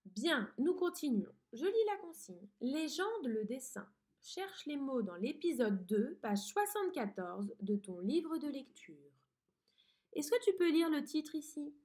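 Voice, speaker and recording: A woman teaching a dictation lesson to a young pupil, pronouncing each word slowly and clearly. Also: high-pitched, sing-song, a little mellow. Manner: slow, clearly articulated teacher talk to a child. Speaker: primary school teacher.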